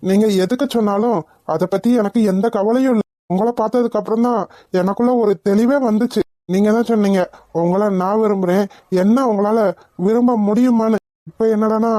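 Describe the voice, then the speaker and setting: A woman's voice: medium pitch, fairly even intonation, fairly quick, dark tone, dry recording, natural voice. A woman voicing a devoted young man in love in a cartoon, speaking in an earnest, pleading way. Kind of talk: cartoon voice acting.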